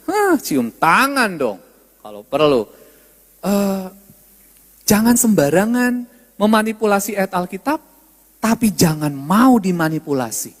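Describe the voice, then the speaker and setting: A male pastor delivers a joking, animated sermon in an unusually high voice. His pitch leaps around as he teases the congregation, and a long church-hall reverb trails every loud phrase. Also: slow pace, long pauses. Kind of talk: humorous sermon. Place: church sanctuary.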